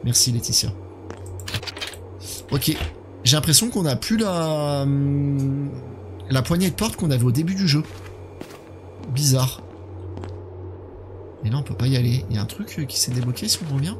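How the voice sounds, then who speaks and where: A man's voice: mid-range voice, lively intonation, moderate pace, long pauses, noisy background. A man in his thirties giving casual live commentary on a horror game while chatting with his viewers. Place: indoor gaming setup.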